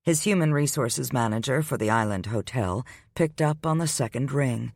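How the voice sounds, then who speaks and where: A man reading a romance audiobook aloud in a steady, even storytelling manner. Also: mid-range voice, normal speed, vocal fry, dry recording, clean studio sound. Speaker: audiobook narrator. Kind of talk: scripted romance narration.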